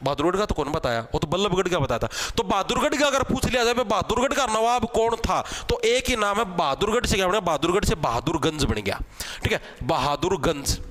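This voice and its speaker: A young man with a Haryanvi accent teaches an exam-prep class online, talking in a fairly high voice. He jokes and teases, builds memory tricks around the answers, and keeps checking in with his students as he goes. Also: animated, a little fast, a bit bright. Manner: chatty, teasing, repeats "theek hai" as a check-in.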